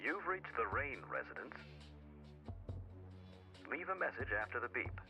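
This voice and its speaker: A landline answering machine greeting, lively pitch. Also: male voice, measured pace, music in the background, low-quality recording. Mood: polite. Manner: brief, polite outgoing message. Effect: heard over a landline phone answering machine.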